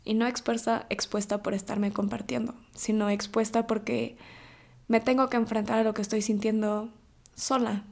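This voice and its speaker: A woman's voice: a little high, little pitch movement, moderate pace, a little mellow. Emotional young Mexican woman confiding. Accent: Mexican Spanish. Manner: emotional, confessional, teary at times. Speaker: podcast host. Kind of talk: intimate personal monologue.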